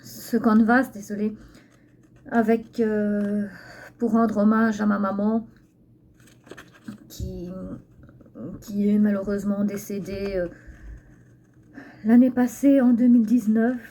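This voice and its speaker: A woman talks slowly in a mellow voice, with a lisp that slurs s toward sh. She thinks aloud casually as she gives a craft tutorial, hesitating as she goes. The phone recording carries faint background noise. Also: mid-range voice, little pitch movement. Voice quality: lisp, slushy sh for s. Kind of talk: casual unscripted tutorial chat. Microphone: phone used for filming.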